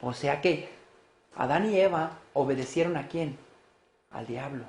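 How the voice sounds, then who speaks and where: A man's voice: fairly high pitch, unhurried, echoey room. A man preaching a sermon, asking his listeners rhetorical questions and answering them with rising emphasis.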